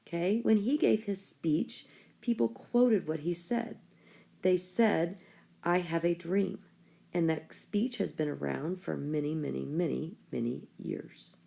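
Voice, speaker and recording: A woman's voice: lowish voice, measured pace, vocal fry, mellow. A woman schoolteacher explaining a writing lesson to her class step by step. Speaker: school teacher.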